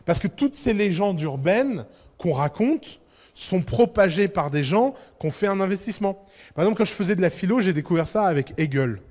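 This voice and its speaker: A man with a high voice speaks to an audience with emphatic energy. He fires off rhetorical questions and acts out little dialogues. A long hall reverb hangs after each phrase. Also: animated, normal speed, darkish tone. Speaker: entrepreneur giving a talk. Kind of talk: lively speech to an audience.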